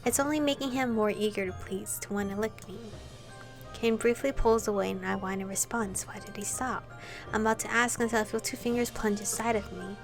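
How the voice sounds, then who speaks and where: A young woman game streamer reads a romance visual novel's text aloud, playful and given to flustered asides. Her voice is medium in pitch and a little fast, over faint background music.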